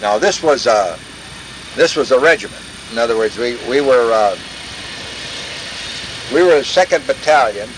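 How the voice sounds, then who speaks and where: An older veteran telling war stories in a rambling, folksy way, full of restarts and sound effects. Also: male voice, mid-range voice, animated, normal speed, pauses often, background noise. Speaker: veteran interviewee. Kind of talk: oral history war reminiscence.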